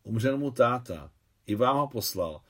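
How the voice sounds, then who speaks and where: A man's voice: mid-range voice, animated, a bit bright. A man reading an audiobook, voicing a shy, timid young woman who speaks hesitantly.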